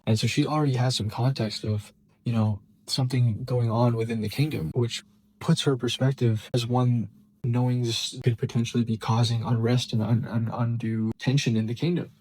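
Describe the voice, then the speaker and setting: A man's voice: medium pitch, fairly even intonation, moderate pace, a little mellow, husky, low-quality recording. Enthusiastic man breaking down an episode. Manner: enthusiastic, gushing fan; frequent ums and restarts. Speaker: show reviewer and channel host.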